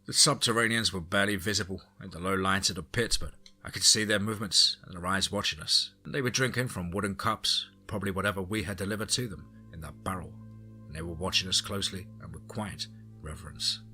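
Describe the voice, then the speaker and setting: A man's voice: deep voice, a little fast. A man narrating a first-person horror story in a dramatic, suspenseful way. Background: soft background music.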